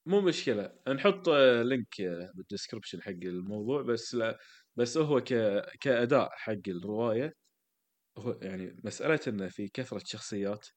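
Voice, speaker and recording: A man's voice: fairly low pitch, darkish tone. A man, co-hosting a podcast in casual, teasing conversation. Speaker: podcast co-host. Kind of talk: casual chat.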